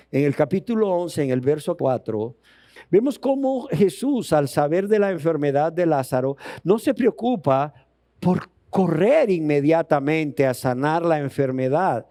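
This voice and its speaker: Emphatic preacher, mellow higher voice. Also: male voice, expressive, unhurried, no echo, clean studio sound. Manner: emphatic, asks the listener rhetorical questions; retells scripture stories and acts out the characters' words. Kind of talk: sermon.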